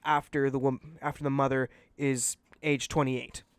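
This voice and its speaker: Man with a smooth, dry voice. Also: medium pitch, little pitch movement, normal speed, no room sound. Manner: blunt, swears a lot. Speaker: podcast host. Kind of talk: casual chat and reading aloud.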